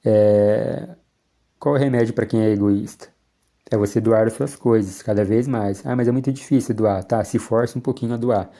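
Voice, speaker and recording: A man's voice: fairly low pitch, steady tone, moderate pace, warm tone. A man, a psychologist giving an explanatory lecture and checking in with frequent tag questions.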